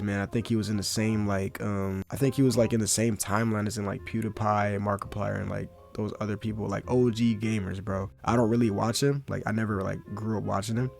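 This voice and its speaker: Gravelly young man rambling in slang. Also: on the low side, darkish tone. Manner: rambling, slangy, lots of "bro" and "like". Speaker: commentary YouTuber. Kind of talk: casual commentary.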